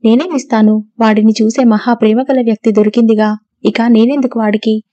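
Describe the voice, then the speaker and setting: A woman voices a bossy older mother-in-law who scolds and then pities herself. The voice is fairly high and sits in a narrow, flat range. The recording is dry and muffled. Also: brisk, no room sound, lightly acted. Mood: scolding. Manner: scolding, self-pitying. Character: domineering older mother-in-law, quick to tears.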